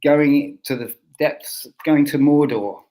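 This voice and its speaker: A man's voice: fairly high pitch, slow pace, mellow, low-quality recording. A man with a southern English accent hosting an informal roundtable, thinking aloud and often rephrasing. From Essex, England. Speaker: host.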